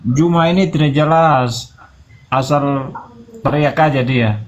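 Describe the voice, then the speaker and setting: Taunting man, slightly high voice. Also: slow, lo-fi sound. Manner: scornful, taunting. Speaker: debate participant.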